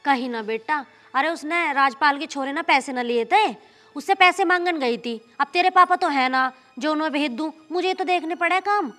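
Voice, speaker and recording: A woman as a high, sharp-tongued village mother. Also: normal speed, soft background music. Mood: weary. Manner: scolding, earthy village speech.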